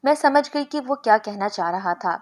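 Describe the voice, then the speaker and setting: A woman's voice: medium pitch, lively intonation, a little mellow. Woman narrating a first-person story.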